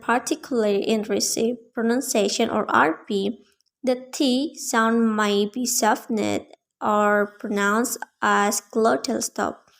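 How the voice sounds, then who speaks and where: A young woman student giving a prepared class presentation, reading in a careful, measured way with small slips. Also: a little high, gravelly. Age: young adult.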